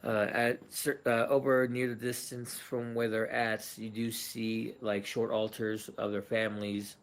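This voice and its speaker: A man narrating a tabletop role-play as game master, halting with many fillers and restarts. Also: fairly low pitch, level tone.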